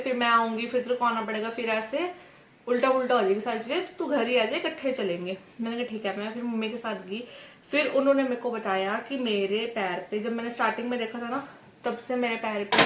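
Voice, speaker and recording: A woman's voice: a little high, echoey room, slight background noise. A young woman from India chatting casually to camera in a vlog, telling a story and acting out the back-and-forth with others. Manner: chatty, often adds "ठीक है" and acts out dialogue. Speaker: vlogger.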